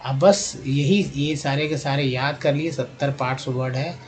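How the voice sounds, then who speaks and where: Man teaching pronunciation, drawn-out words. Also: medium pitch, darkish tone, rough recording. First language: Hindi. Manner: slow, repetitive, drawn-out demonstrations of sounds. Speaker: English teacher. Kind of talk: spelling and pronunciation lesson.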